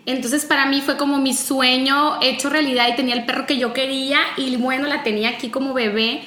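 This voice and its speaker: A woman's voice: high-pitched, fairly even intonation, a little fast, pushed and bright, roomy sound, slight background noise. A woman with a Mexican accent telling a story in a casual chat and quoting the people in it. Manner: chatty storytelling with quoted dialogue.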